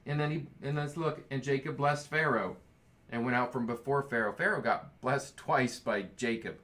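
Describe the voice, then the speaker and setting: A man's voice: mid-range voice, moderate pace, a bit bright. A man leading a casual Bible study, reading scripture aloud with enthusiasm and joking along the way.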